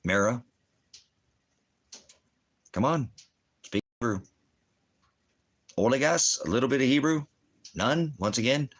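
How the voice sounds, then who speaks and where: In a medium-pitched, fairly bright voice, a man speaks slowly with lively intonation and frequent pauses. The ministry teacher hosts a rambling Bible teaching livestream indoors at home by a fireplace, bluntly challenging commenters and often answering his own questions.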